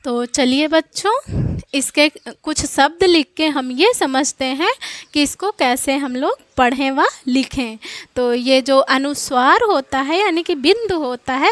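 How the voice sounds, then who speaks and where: A woman with a high voice teaching a children's grammar lesson. She speaks slowly and patiently, repeating each example word. The sound is dry and close. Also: a bit bright, no echo. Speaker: Hindi teacher.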